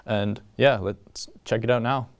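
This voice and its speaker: A man reporter giving a scripted introduction to his story in a relaxed, friendly manner. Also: mid-range voice, unhurried.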